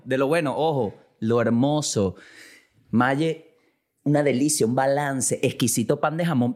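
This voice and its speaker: A man with a Venezuelan accent hosting a casual comic monologue, animated and acting out little quoted exchanges, now and then breaking into loud outbursts. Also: a little high. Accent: Venezuelan Spanish. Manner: acts out dialogue in quick quotes. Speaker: podcast host.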